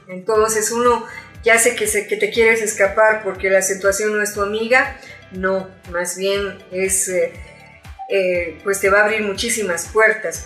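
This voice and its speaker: A woman gives a spoken lesson, patiently explaining each point with examples and small asides. Her voice sits at a middle pitch. The room is roomy and echoey, with faint music playing underneath. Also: fairly bright tone. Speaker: teacher.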